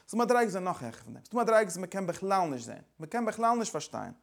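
A man's voice: high voice, sing-song, very fast, gravelly. A man lecturing like a teacher, driving his explanation forward with repeated phrases and words from several languages.

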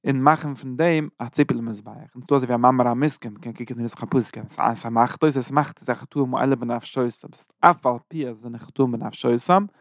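Gravelly man teaching a Torah lesson. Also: medium pitch, quick pace, hardly any pauses, no echo, studio quality.

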